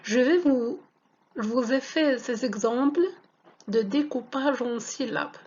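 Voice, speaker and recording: A woman whose first language is Moroccan Arabic, teaching French reading, spelling out letters and syllables slowly and deliberately. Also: a little high, a little mellow, husky, dull audio. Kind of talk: slow classroom-style reading lesson.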